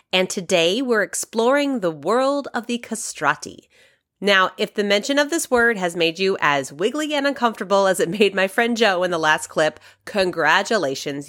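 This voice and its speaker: Lively, upbeat woman hosting a podcast. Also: medium pitch. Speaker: podcast host. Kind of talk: scripted podcast narration.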